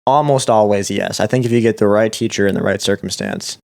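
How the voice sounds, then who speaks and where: A young man trading quick banter as a podcast co-host, dry and teasing in his humor. He talks rapidly in a fairly low voice, his quips tumbling out quickly. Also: fairly even intonation, creaky, darkish tone. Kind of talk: casual chat.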